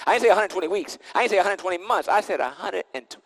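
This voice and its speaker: A man's voice: high-pitched, rapid-fire, a bit bright, big-room sound, low-quality recording. A man preaching a sermon into a pulpit microphone, emphatic and repetitive, with casual vernacular and call-and-response. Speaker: pastor.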